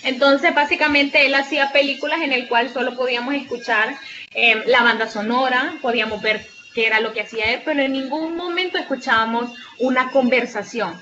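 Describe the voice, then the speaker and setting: A woman with a Salvadoran Spanish accent giving an online class lecture as a tutor. She explains patiently, asks her students rhetorical questions and often fills pauses with "este". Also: high-pitched, fairly even intonation, bright, forceful tone, dull audio, a little hiss or hum. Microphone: video call.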